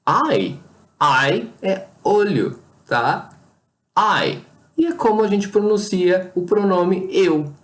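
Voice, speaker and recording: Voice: mid-range voice, big pitch swings, takes it slowly. An English teacher with a Brazilian Portuguese accent gives a pronunciation lesson, patiently repeating each word and over-articulating its sounds.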